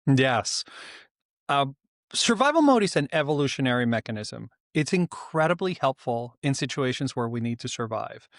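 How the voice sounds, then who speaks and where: Middle-aged man, calm explainer. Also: mid-range voice, dry recording, clean studio sound. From Venezuela. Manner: calm, explanatory, with frequent "uh" pauses. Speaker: guest author. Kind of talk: reflective interview answers.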